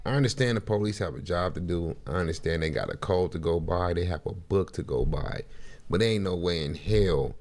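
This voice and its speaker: Male streamer, low gravelly voice, slangy mocking reaction commentary. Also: a little mellow. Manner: laughing, mocking, slangy banter.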